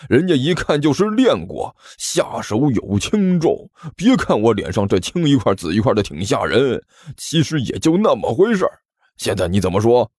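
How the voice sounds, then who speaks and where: A man voicing a bruised, grumpy older brother who scolds and stammers, with soft music behind. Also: mid-range voice, no room sound, studio quality. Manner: scolding, exasperated, stammering when flustered.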